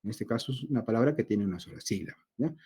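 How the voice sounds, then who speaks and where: A Latin American man teaching an online class, explaining slowly and voicing his students' questions himself. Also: lowish voice, lively intonation, warm tone, slightly rough.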